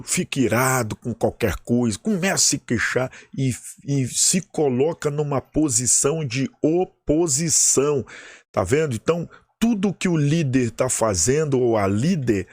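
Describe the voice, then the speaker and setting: A man teaches a Bible lesson as a pastor, leaning hard on key words and checking in with his listeners again and again. His voice sits in an ordinary middle pitch. It is recorded dry and close, with almost no room sound. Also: darkish tone, breathy edge, dry recording. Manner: emphatic, with constant check-ins to the listener.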